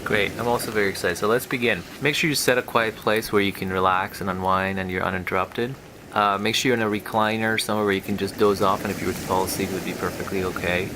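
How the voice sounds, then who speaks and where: With a deep, steady voice and a fast pace, a man acts as a hypnotherapist on a relaxation recording, keeping the delivery soothing and hypnotic. Rain and relaxation music fill the background, along with some noise.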